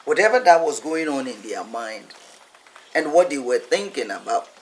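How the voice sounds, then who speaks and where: A man's voice: medium pitch, big pitch swings, normal speed, rough recording. A man preaching a teaching sermon, speaking emphatically and repeating phrases for effect.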